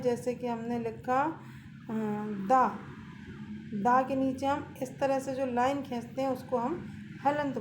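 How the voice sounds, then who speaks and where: A woman teaching a school lesson to children, explaining slowly and repeating each point. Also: high voice, a little mellow, a little hiss or hum.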